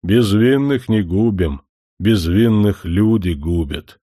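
A man voicing a young male forest spirit who speaks slowly and solemnly, a little louder than his narration. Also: on the low side, no room sound, studio quality. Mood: earnest. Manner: slow, deliberate, solemn.

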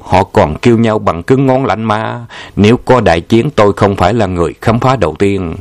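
A man calmly reading a memoir aloud in a descriptive storytelling manner. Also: on the low side, no echo. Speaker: narrator.

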